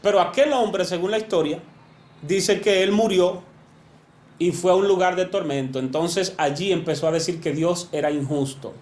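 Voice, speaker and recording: High-voiced man preaching in an echoey room. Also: normal speed, darkish tone. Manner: earnest, emphatic preaching with rising and falling pitch. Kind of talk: sermon.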